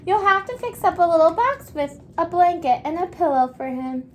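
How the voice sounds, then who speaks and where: Her very high voice stays expressive as she leads a read-aloud for kindergartners, using easy phrasing and plenty of encouragement. Questions are followed by pauses for the children's answers, and faint noise sits in the background.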